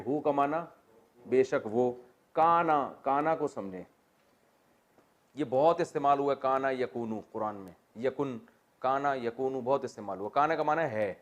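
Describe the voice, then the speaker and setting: A man teaching a classroom lesson on Quran exegesis, taking his students through Arabic word forms. He keeps asking the class questions and drops in light joking asides as he goes. His voice sits at an ordinary middle pitch for a man.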